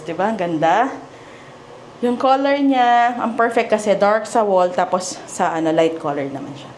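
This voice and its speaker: A woman's voice: fairly high pitch, slight background noise. A woman with a Filipino accent hosting a house tour, chatty and enthusiastic, exclaiming often as she walks through rooms. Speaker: property tour host.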